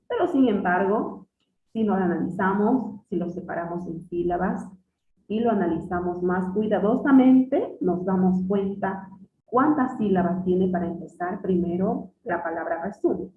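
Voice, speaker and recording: A woman teacher leads a lesson, quizzing her students with patience and saying key words slowly twice over. Her voice is mid-pitched and set back from the mic. The sound is thin and phone-like, with a hollow echo of the room. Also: slight background noise. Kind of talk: classroom lesson. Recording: distant echoey phone-like sound.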